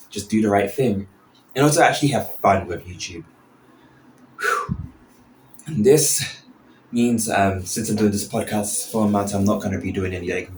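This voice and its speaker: A man in his early twenties hosts a podcast, rambling casually and unscripted while often interrupting himself. His voice is on the low side and a little mellow. He records in a small indoor bathroom that echoes, with some background noise.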